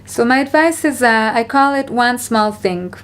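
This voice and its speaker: A woman with a slightly high voice talks through parenting advice in a relaxed Q&A chat. She sounds earnest and reflective, and gently encourages the listener. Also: moderate pace. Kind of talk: casual Q&A conversation.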